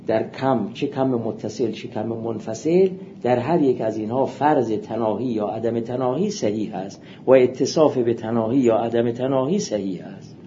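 A man giving a seminary philosophy lecture, explaining texts in a measured way and reading out quotations. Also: medium pitch, mellow. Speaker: philosophy teacher. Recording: muffled lo-fi recording with faint hiss.

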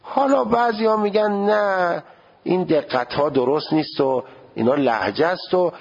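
A man's voice: high-pitched, vocal fry, husky, highs cut off. A male seminary teacher giving a jurisprudence lecture, questioning his students and sounding out pronunciations as he goes.

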